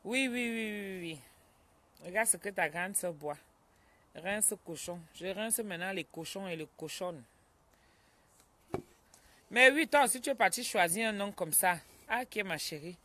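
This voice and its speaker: A woman chats into her phone on a live stream from home, greeting viewers one by one and turning aside now and then to a child. Her voice sits at a medium pitch. A faint hiss runs under the recording. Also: lively intonation, measured pace, long pauses, sharp tone. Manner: chatty, greets viewers by name, scolds a crying child aside. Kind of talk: casual live-stream chat.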